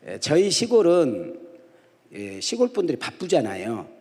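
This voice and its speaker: With a mid-range, slightly mellow voice, a middle-aged guest pastor preaches a humorous storytelling sermon at a dawn prayer service, often quizzing the congregation in call-and-response fashion. The sound carries the echoey reverb of a large church sanctuary.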